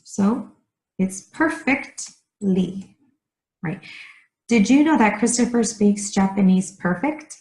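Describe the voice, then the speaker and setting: Woman, ESL teacher, very slow careful delivery, repeats key words, roomy echo. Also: mid-range voice, animated, a little mellow. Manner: speaks slowly and deliberately, repeating key words. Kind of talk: slow, clearly enunciated grammar lesson.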